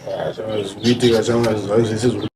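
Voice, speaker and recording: A man's voice: on the low side, little pitch movement, fast, a little mellow, lightly acted. A man with a Zimbabwean accent acting a glum young guy grumbling to his friend in slangy, repetitive comedy-skit talk. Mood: aggrieved, glum. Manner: slangy, repeats himself, peppers talk with "chama". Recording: distant mic, faint background noise.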